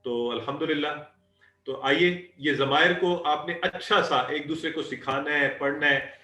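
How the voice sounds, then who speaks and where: A man's voice: on the high side, normal speed, pushed and bright. A man teaching a live online Arabic lesson, patiently repeating and drilling phrases. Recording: echoey room, voice a bit distant.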